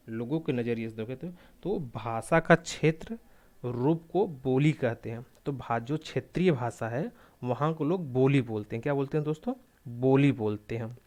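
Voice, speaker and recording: Guy tutor going over practice questions, keeps asking "friends, what is it?" then repeats the answer, restarts words a lot. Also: mid-range voice. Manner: repeats answers, asks rhetorical questions, calls listeners friends; stops and restarts words often. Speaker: exam tutor.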